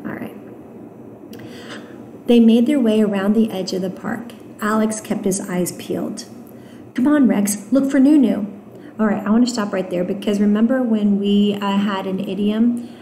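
A woman teacher reading a novel aloud to her students, stopping for gentle explanatory asides with fillers. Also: mid-range voice, fairly even intonation, normal speed, slight background noise. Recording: roomy echo.

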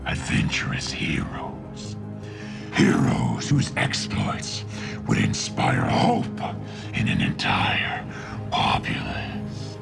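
Slow, gravelly, menacing theatrical demon villain. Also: male voice, exaggerated voice. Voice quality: whispery, deep. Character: ancient demon villain, grandiose, scheming soul trader. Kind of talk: dramatic villain monologue in a tabletop game.

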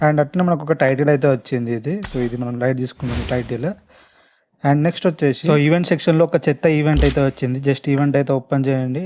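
A gaming video host with a Telangana Telugu accent talks to his viewers in a warm, mid-range voice. His gameplay commentary is casual, chatty, informal and direct, with faint background noise and clicking sounds.

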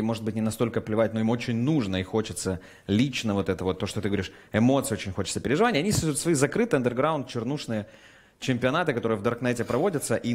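A man hosting an online interview, asking long rambling questions with animated asides. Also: medium pitch. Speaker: interview host.

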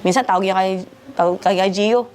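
A woman's voice: mid-range voice, fairly even intonation, normal speed, darkish tone. Woman, parent figure, stern lecturing delivery, pointed questions, mid-range voice. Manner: scolding, asks pointed questions. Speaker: parent figure counseling a youth.

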